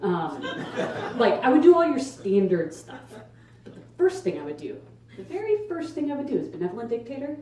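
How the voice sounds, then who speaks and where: Audience laughter fills an echoey live room as a young adult woman performs stand-up, picked up on a distant microphone. She's warm, brisk and very animated, with a slightly high voice, keeping her delivery casual, conversational and emphatic.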